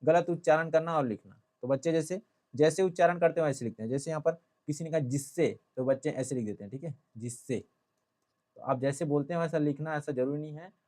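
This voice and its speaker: A man gives a classroom-style Hindi spelling lesson, explaining step by step and checking in often with his students, frequently saying "theek hai." He talks fast in a fairly high, slightly mellow voice.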